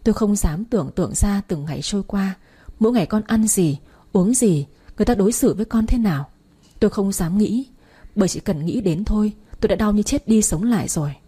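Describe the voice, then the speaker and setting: A woman's voice: medium pitch, animated, fairly quick, mellow, slightly rough. A woman narrating a first-person audiobook in a grieving, emotional way.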